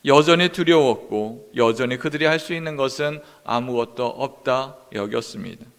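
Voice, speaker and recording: A man preaching a sermon as a pastor, earnest and steady, with his voice dropping at the ends of sentences. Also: mid-range voice, normal speed, smooth, big-room sound. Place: church sanctuary.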